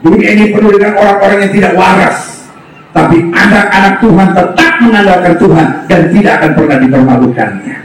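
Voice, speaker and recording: A male pastor preaching a revival sermon to a crowd on an open-air stage, leading call-and-response and often shouting. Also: high voice, brisk, far from the mic, music in the background. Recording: very echoey open-air PA, from afar.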